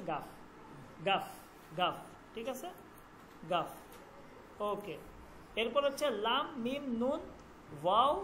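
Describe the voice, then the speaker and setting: A man teaching a language class online, repeating each letter sound slowly and checking that students follow. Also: very high voice, fairly bright tone, slight background noise.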